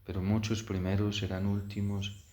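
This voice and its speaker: A man, a priest, celebrating Mass and preaching a homily in slow, measured phrases, heard with an echoey church reverb. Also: lowish voice, monotone, dark tone, a little hiss or hum. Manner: slow, measured preaching with long pauses, rising in intensity.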